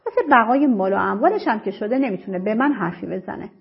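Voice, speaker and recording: Woman narrator doing a cold, smug, controlling rich young man in a storybook; husky, higher-pitched voice, dull-sounding recording. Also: lively intonation, full character voice. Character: arrogant domineering wealthy young man. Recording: slightly muffled with soft music.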